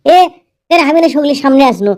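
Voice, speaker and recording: A man's voice: very high voice, animated, a little fast. A man with a northern Bangladeshi Bogura accent voicing a bumbling, greedy young army recruit in a comedy dub, whining and muttering to himself. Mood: grumbling. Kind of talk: comedy dubbing in dialect.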